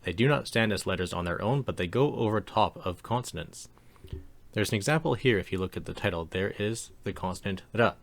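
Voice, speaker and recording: A man teaching a language lesson over slides, explaining calmly and slowing down to demonstrate sounds. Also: lowish voice. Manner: calm, measured explanation with slow demonstrations of sounds.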